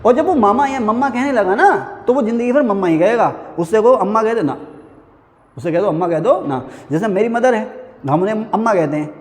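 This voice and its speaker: Male lecturer, high and animated delivery, chatty with students, echoing hall sound. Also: a little fast. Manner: chatty, addresses students as beta, frequent "hai na" asides. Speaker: civil services teacher. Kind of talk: classroom lecture.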